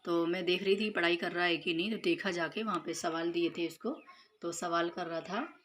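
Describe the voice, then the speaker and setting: This casual voice-over comes from a mother in her thirties walking through cooking and chores in her home kitchen vlog, using many fillers as she explains each step. She speaks at normal speed in a low, steady voice, with slight background noise.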